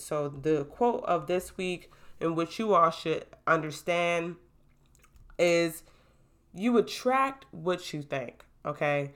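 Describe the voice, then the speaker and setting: Lively woman hosting a chatty podcast. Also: low voice. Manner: animated, chatty, hype-building. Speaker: podcast host. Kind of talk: casual solo podcast talk. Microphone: new podcast microphone.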